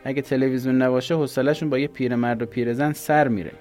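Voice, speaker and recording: A man voicing a grateful elderly male grocer who speaks in a warm, fatherly way. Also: mid-range voice, fairly even intonation, soft background music, pitched above the performer's own voice, close to an everyday voice. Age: older.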